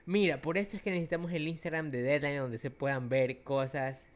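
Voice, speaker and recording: A man, co-hosting a casual chat, teasing his partner and cutting in with quick questions. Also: on the high side, fairly even intonation. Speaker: podcast co-host.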